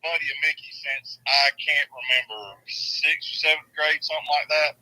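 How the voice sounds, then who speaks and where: A man's voice: on the high side, fairly even intonation, normal speed, sharp tone, rough recording. A man, heard over the phone on speaker, telling a story in an easygoing, friendly way as a caller. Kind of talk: casual storytelling.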